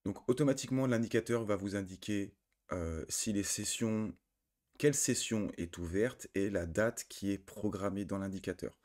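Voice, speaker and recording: A man with a notably low voice walks viewers through a trading tool on screen. He explains each setting step by step, pausing with fillers and correcting himself as he goes. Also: darkish tone. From France. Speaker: trading indicator tutor. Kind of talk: screen-recorded software tutorial.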